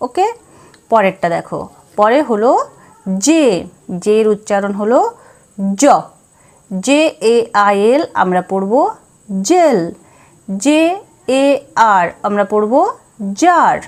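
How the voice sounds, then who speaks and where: A woman's voice: mid-range voice, expressive. A woman teaching letter sounds, spelling words out letter by letter. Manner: slow, spelling letters out one by one. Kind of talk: phonics lesson.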